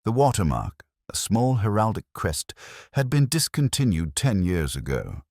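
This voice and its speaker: An actor playing a weary, erudite detective inspector, narrating a mystery in a measured, literary and melancholy way. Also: male voice, lowish voice, big pitch swings, vocal fry, a little mellow, dry recording, clean studio sound, heavily acted. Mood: dry, wry. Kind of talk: scripted first-person mystery narration.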